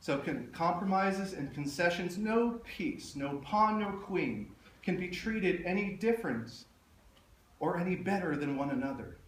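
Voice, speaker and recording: A man giving a funeral eulogy as a public speech, in a tender, measured, halting way with pauses. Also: sits high, expressive. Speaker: eulogist speaking at his mother's funeral. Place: echoey room, speaking to a gathering. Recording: roomy echo, distant mic, faint noise.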